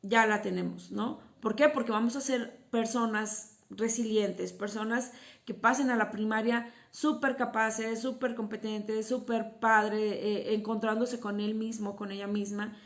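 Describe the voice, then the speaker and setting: A woman's voice: fairly high pitch, steady tone, measured pace. A woman psychotherapist and teacher, explaining to parents in a casual teaching talk and often asking herself rhetorical questions. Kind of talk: informal educational talk to parents.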